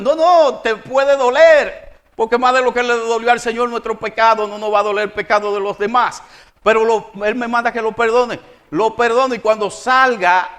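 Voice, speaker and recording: A man's voice: very high-pitched, fairly bright tone. A man, preaching an emphatic sermon to his congregation as pastor. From Dominican Republic. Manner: emphatic preaching, rising and falling in volume, addresses congregation directly. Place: church.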